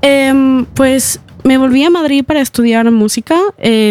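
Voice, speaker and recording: Her voice is mid-range, smooth and slightly mellow, recorded dry and close in a radio studio. Born in Ecuador and raised in Spain from the age of eight, this young guest talks chattily and giggles frequently throughout the casual interview.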